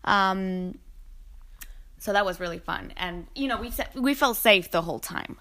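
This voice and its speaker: A woman chatting in a relaxed way about a trip, with fillers. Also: medium pitch, measured pace. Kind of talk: casual travel chat.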